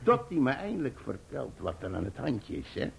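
Big-hearted old fisherman in a radio play, gravelly, rough and jolly. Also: medium pitch, huge pitch swings, normal speed, slight background noise, full character voice. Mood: jovial. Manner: jovial, rough, laughs often while telling. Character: older male fisherman, hearty and emotional.

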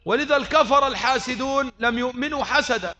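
A man's voice: extremely high pitch, quick pace, sharp tone, dull audio. A man with an Egyptian accent preaching a sermon, firing rhetorical questions at his listeners and mixing colloquial and classical speech. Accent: Egyptian Arabic.

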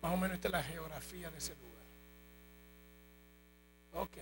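A man preaching a sermon in a church, telling jokes and stories in a lively way. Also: fairly high pitch, moderate pace, poor audio. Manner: animated, joking storytelling. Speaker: pastor. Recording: faint mains hum.

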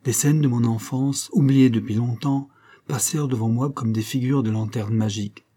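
A man reading a classic story aloud in a measured, even narrating manner. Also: mid-range voice. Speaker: audiobook reader. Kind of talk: scripted literary narration.

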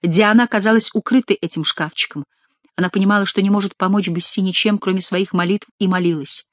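A woman narrating a dramatic adventure novel as an audiobook reader, with expressive storytelling. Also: mid-range voice, quick pace, dry recording.

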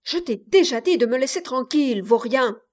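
A woman's voice: a little high, expressive, unhurried. A woman reading an audiobook, voicing a stingy, suspicious old man who whines and protests. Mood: scolding.

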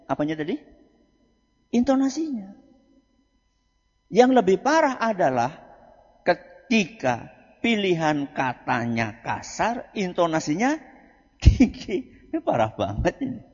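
Guy preaching, asks the crowd stuff then answers himself, kinda husky, echoey muffled hall. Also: on the high side. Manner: asks the audience questions and answers them himself; swings from quiet to loud for emphasis. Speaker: Islamic preacher teaching a book study. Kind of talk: religious lecture.

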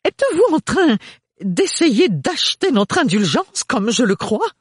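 A man's voice: big pitch swings, unhurried, husky, dry recording, clean studio sound, exaggerated voice. A man voicing an explosive, indignant middle-aged mother in a storybook audiobook. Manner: shrill, outraged outbursts.

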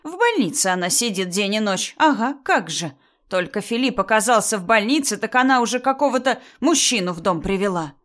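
A woman reading a story aloud and voicing a spiteful, suspicious older mother-in-law who talks in a shrill, accusing way. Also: expressive, moderate pace, natural voice.

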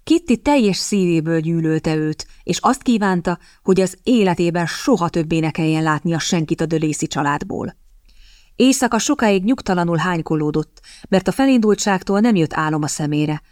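Low-voiced woman narrating an audiobook. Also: lively intonation, a little mellow, no room sound, studio quality. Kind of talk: scripted narration.

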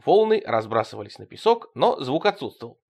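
A man reading a surreal, profane story aloud with wry, deadpan narration between voiced dialogue. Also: medium pitch, a little fast, vocal fry.

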